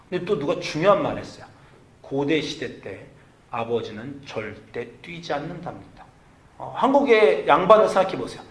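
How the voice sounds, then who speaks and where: A man's voice: on the high side, echoey room. A male pastor preaching a sermon with a storytelling delivery, asking the congregation questions and acting out the voices in the story. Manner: storytelling preacher who acts out quoted lines with sudden loud outbursts; asks the congregation questions directly. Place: church sanctuary.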